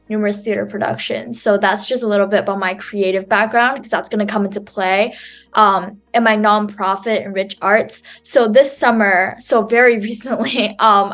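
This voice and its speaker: A woman student raised in New York presenting her nonprofit at an online conference over a video call, talking in a chatty way full of "um" and "like". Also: mid-range voice. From New York City, USA.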